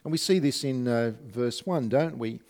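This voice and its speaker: A man preaching a sermon in an unhurried, conversational way, asking his listeners rhetorical questions. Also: mid-range voice, darkish tone.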